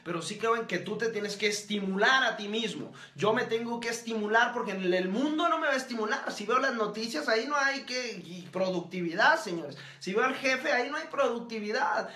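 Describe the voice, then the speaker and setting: A man with a high, bright, forceful voice gives a live motivational talk, emphatic and preachy. He speaks directly to his audience and answers viewer comments as he goes. The sound is roomy and echoey. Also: slight background noise.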